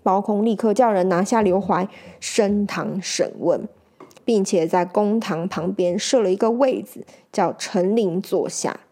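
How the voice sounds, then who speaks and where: A woman narrating a classic crime tale in an expressive storytelling voice. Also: mid-range voice, unhurried.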